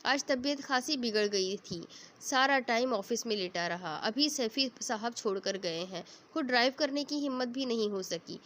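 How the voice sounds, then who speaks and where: A woman's voice: a little high, lively intonation, normal speed, a little hiss or hum. A woman reading as a tired, fond father. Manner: gentle, fond. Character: tired, affectionate middle-aged father.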